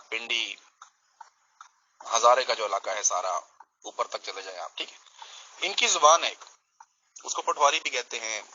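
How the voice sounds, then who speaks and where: A man's voice: medium pitch, sharp tone, dull audio, slight background noise. A man from Pakistan, explaining his case in a religious debate in a teaching manner and checking in with his listener.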